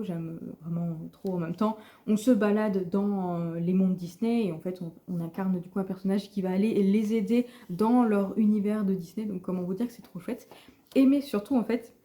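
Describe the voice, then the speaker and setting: A woman talks in a casual vlog, rambling with frequent fillers and restarts. Her voice is very dark and mellow, at a middle pitch for a woman. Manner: chatty, many fillers and restarts. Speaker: book vlogger.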